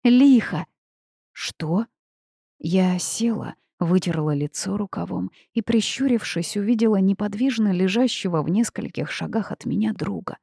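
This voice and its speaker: A woman narrating a first-person fantasy audiobook with lively, expressive storytelling on a close mic. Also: mid-range voice, moderate pace, vocal fry, hardly any pauses, husky, dry recording.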